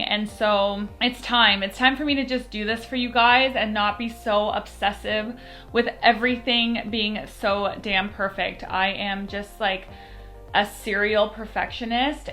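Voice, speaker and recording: A woman's voice: medium pitch, sharp tone. A woman talking candidly to camera in a casual vlog, recorded as a phone video on the phone's own mic, chatty and full of fillers. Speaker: vlogger. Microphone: phone microphone, no external mic.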